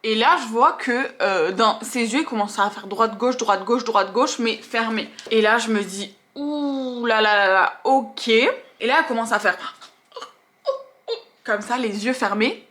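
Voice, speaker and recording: A woman's voice: on the high side, moderate pace. A woman tattoo artist telling stories from her work in a vlog, acting out the scenes and the things people said as she goes. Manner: animated, acts out scenes and quotes. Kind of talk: storytelling vlog.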